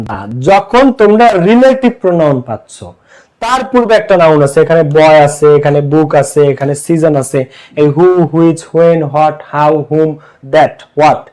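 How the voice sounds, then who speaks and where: A man's voice: a little high, a little mellow. A young Bangladeshi man with a Bangladeshi accent, teaching an English grammar class online, asking his students questions and answering them himself.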